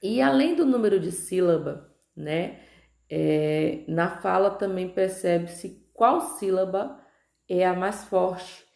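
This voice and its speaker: A woman teacher with a Brazilian Portuguese accent gives a recorded lesson, her voice low and gravelly. She stretches each example word out slowly and keeps asking her students whether they follow. The room adds a noticeable echo. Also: a little mellow. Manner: slow, stretched-out pronunciation of example words, frequent "tá?" checks. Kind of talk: recorded online grammar lesson. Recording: echoey room.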